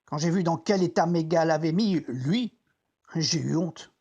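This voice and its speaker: An actor playing a troubled, conscience-stricken Roman centurion, reflecting deliberately in a dramatic biblical monologue as if talking to himself. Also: medium pitch, dark tone, breathy edge, dull audio. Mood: reflective, ashamed. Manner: introspective, deliberate, theatrical.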